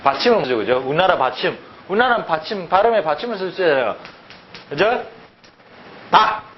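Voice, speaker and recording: A man teaching a language class, lively and drilling words by repeating them with rhetorical questions. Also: on the high side, fast. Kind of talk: classroom lecture. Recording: dull lo-fi sound, faint background noise.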